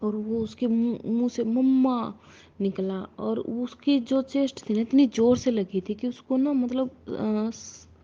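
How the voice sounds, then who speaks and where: A woman, probably in her thirties, shares a personal devotional testimony with a congregation, calling them sangat ji. She sounds hesitant and restarts often, speaking at a measured pace in a slightly high, mellow voice with fairly even intonation. The recording is dull and lo-fi.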